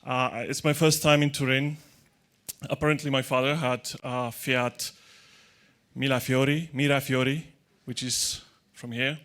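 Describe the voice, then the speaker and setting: A chatty man gives a tech talk via handheld mic to an audience in a large, dark conference hall. His mid-range voice is level, fairly bright and a little slow; he jokes frequently, restarts hesitantly and uses non-native grammar.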